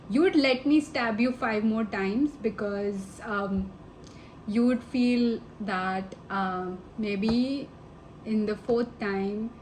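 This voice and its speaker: A woman's voice: medium pitch, a little mellow, slight background noise, rough recording. A woman giving a casual tarot reading to the viewer, affectionate and rambling, calling them babe and honey. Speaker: tarot reader.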